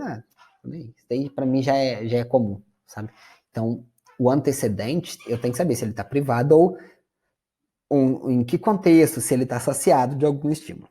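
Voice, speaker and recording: A man's voice: mid-range voice, expressive, fast talker, warm tone, breathy edge. A Brazilian man giving a conversational classroom lecture, often turning to his audience. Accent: Brazilian Portuguese. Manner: conversational, addresses audience as "gente".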